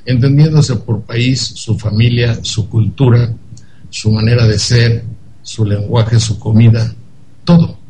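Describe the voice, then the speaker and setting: Older man telling an animated story. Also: mid-range voice, slow, a little hiss or hum, poor audio. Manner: animated storyteller acting out dialogue, digressive. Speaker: radio commentator. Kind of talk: anecdotal radio commentary.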